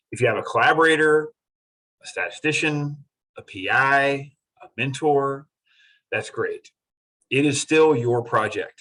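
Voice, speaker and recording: Middle-aged guy lecturing his class, kinda husky, earnest and repeats himself a lot. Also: medium pitch, fairly bright tone, low-quality recording. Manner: earnest, repetitive, acts out students in quotes. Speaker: university lecturer.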